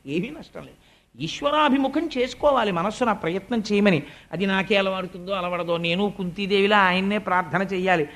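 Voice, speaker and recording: Speaking a little fast in a fairly bright, distinctly high voice, this man gives a devotional talk. His storytelling is chatty, punctuated by courteous remarks to the audience, and he voices family members and sages as the scripture unfolds.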